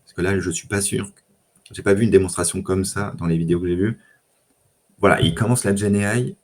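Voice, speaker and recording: Man, very low voice, easygoing tech podcast guest, lots of "euh". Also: fairly quick. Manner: relaxed, many fillers and restarts. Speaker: data engineer guest. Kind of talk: casual tech chat.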